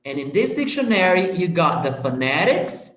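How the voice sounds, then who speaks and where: A male English teacher giving an online conversation lesson, patiently correcting and modeling pronunciation slowly. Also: high voice, very animated. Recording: echoey room.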